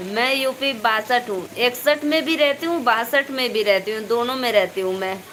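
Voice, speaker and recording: Woman, Awadhi-tinged Hindi accent, slightly high voice, casual live stream chat, talking loudly, faint rain noise behind. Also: low-quality recording. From eastern Uttar Pradesh, India. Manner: chatty, greets viewers by name, speaks loudly over rain. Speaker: live stream host and folk singer. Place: indoors at home during heavy rain.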